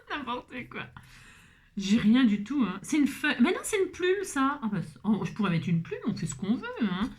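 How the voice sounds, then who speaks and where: A woman's voice: a little high, very animated, a little slow. A woman hosting a craft tutorial, chatting playfully to herself and her viewers and breaking into song.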